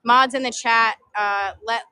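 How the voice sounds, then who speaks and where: A woman's voice: a little high, fairly even intonation, measured pace, pushed and bright, smooth, no room sound, clean studio sound. A woman live streamer talking casually to her viewers.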